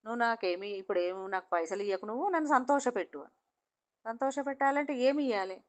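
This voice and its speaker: A woman's voice: a little high, fast, close to an everyday voice. A woman voicing a stubborn male village barber who repeats the same demand.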